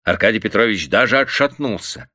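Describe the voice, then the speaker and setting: A man narrating a literary story in an expressive, lively reading. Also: lowish voice, fairly quick, dry recording, studio quality.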